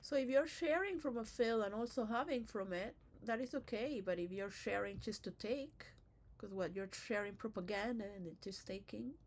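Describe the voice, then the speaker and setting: A woman's voice: mid-range voice, moderate pace. A woman from Venezuela whose first language is Spanish, vlogging in a meandering, blunt monologue that swears freely. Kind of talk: casual rambling monologue. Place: recorded at her own setting, she shows on camera.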